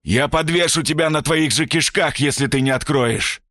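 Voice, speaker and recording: A man's voice: fairly high pitch, moderate pace, a bit bright, no echo, clean studio sound, pitched above the performer's own voice. A man voicing a hysterical, threatening stranger who screams from behind a closed door, his voice muffled through it. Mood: raving, threatening. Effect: muffled, heard through a closed door. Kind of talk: horror audiobook narration.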